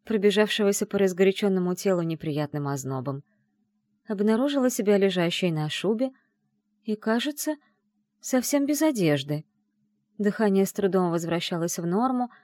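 A woman reading a first-person novel aloud in an expressive, emotional way. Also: mid-range voice, no room sound, clean studio sound. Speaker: audiobook narrator.

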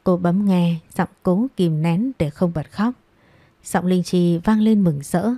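A woman narrating a dramatic audiobook story in a measured storytelling manner, recorded close on a mic. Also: fairly low pitch, warm tone, no echo.

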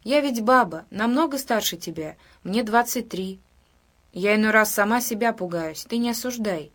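A lonely young village woman speaks in a hushed, coaxing voice, caring and a little rueful. A woman reads her lines with a mid-pitched voice. Her tone rises brightly when she urges and fusses. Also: animated, normal speed.

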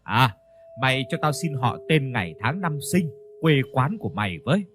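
A man voicing a gruff, bossy old village chief who talks bluntly and coarsely, over soft instrumental music. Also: mid-range voice, very animated, moderate pace, lightly acted. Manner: blunt, scolding, coarse familiar speech.

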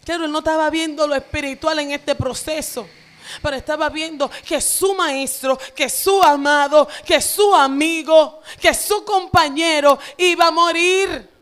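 A woman's voice: sits high, steady tone, unhurried, fairly bright tone. A woman pastor, preaching a fervent sermon in a church with repetitive phrasing. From Dominican Republic.

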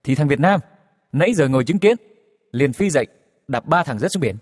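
Man briskly telling a joke. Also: on the high side, animated, in a large hall. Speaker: joke teller. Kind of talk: telling jokes.

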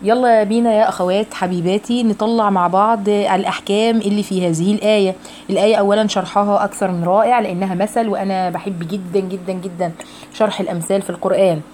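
A woman's voice: medium pitch, steady tone, darkish tone, slight background noise. Egyptian woman teaching Quran recitation. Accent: Egyptian Arabic. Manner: drills pronunciation, repeating syllables slowly. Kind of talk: tajweed lesson with slow recitation.

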